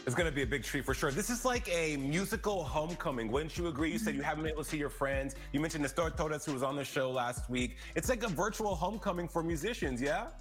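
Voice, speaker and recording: An enthusiastic young man hosts a TV interview from his living room over a video call. His voice sits a little high and he stretches words for emphasis. Soft music runs underneath. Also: lively intonation, fast talker, few pauses. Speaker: TV host. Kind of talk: upbeat TV interview.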